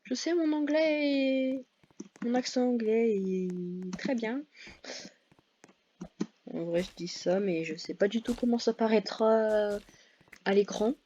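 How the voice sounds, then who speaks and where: A woman's voice: fairly high pitch, takes it slowly, pauses often, mellow, dull audio, slight background noise. A woman giving casual, hesitant commentary over her gameplay, full of fillers and self-corrections. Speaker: gaming video creator.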